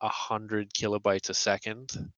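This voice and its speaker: A man's voice: on the low side, little pitch movement, measured pace, fairly bright tone, dry recording. A man co-hosting a podcast in casual chat, with playful, self-mocking asides. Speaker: podcast co-host. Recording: dull, dry lo-fi sound.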